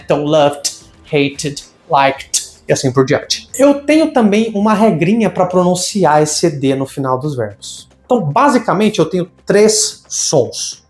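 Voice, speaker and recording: A man teaching an English grammar lesson in an explanatory, lively way, asking himself questions and answering them. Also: on the high side. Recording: echoey room with faint music.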